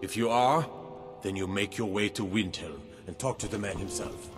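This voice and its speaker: Fantasy game warrior male actor: stern, proud rebel, deepish voice, challenging delivery, music underneath. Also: normal speed, close to an everyday voice. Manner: blunt, challenging. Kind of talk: video game character dialogue. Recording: long hall reverb, music behind.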